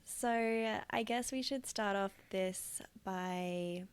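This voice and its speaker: Here a podcast co-host, an Australian woman in her thirties, speaks slowly and clearly in a resonant, mid-range voice. Her casual chat is full of fillers and easy laughter.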